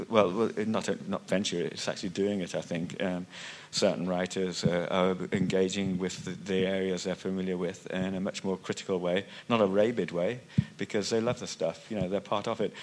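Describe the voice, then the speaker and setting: A man speaking on a panel discussion, thinking aloud with frequent restarts and fillers, once losing his thread. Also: deep voice. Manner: hesitant, many restarts and fillers, loses thread. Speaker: panelist, music magazine writer. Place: conference hall panel.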